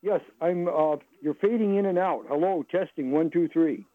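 High-voiced man on a crackly phone line. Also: moderate pace. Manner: confused, keeps saying hello and testing the line. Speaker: radio call-in caller. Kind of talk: call-in radio conversation.

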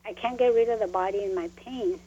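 A woman calling in to a radio talk show over a phone line, talking in a halting, rambling way with many fillers. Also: medium pitch, warm tone. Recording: muffled phone line with faint noise.

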